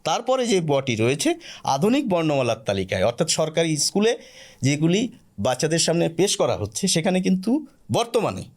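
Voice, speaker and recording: A man talks as a guest on a podcast, and he explains patiently and step by step. His pitch rises and falls a great deal, and his voice sits a little high for a man. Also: very animated, normal speed, a little mellow. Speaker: guest expert on language. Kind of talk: explanatory conversational interview.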